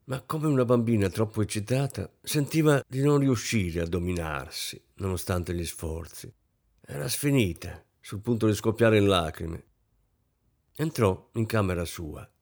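A man narrating a novel as an audiobook in a measured, expressive way. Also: fairly low pitch, creaky.

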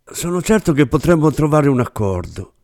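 A man's voice: on the high side, sing-song, moderate pace, darkish tone, dry recording, studio quality, voice pushed up. A man playing a sly male money changer who speaks in a practical, hasty way, in an audiobook reading. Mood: ingratiating.

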